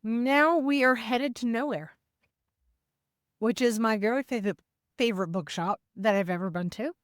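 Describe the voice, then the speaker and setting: A woman's voice: a little high, moderate pace, no room sound, clean studio sound. A woman hosting a casual travel vlog, chatty and upbeat, talking straight to her viewers, with some scripted voice-over. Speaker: vlog host.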